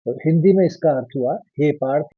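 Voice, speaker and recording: A man teaching how to pronounce a verse line by line. He chants the lines slowly and loudly, then explains in a low, quiet voice. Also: slightly rough, dry recording, phone-quality sound. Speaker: Sanskrit recitation teacher. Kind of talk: step-by-step verse pronunciation lesson.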